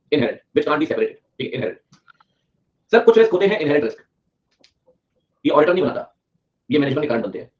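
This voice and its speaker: A CA exam teacher talks fast in a somewhat high, slightly mellow voice during a live online class lecture. He's chatty, mixes Hindi and English, repeats key points and jokes with his students. The audio is dull and lo-fi.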